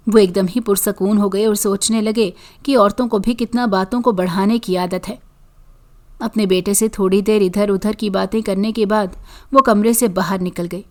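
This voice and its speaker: A woman narrating a horror story in a measured, scripted reading. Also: mid-range voice, darkish tone.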